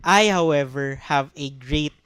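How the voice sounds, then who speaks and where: Clear-voiced man, casual podcast chat. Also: fairly high pitch, measured pace, a bit bright, no room sound. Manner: thinking aloud with frequent restarts and ums. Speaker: podcast co-host.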